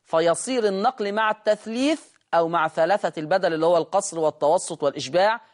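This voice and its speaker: A man with an Egyptian accent teaching Quran recitation in a recorded lesson, explaining quickly and then slowly drawing out and repeating each recited word. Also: high-pitched. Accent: Egyptian Arabic.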